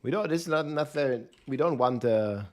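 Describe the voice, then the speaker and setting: A man's voice: medium pitch, moderate pace. A man streaming a game, speaking into a livestream headset mic, thinking aloud and talking straight to his chat in a casual way. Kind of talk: casual livestream chat while planning builds.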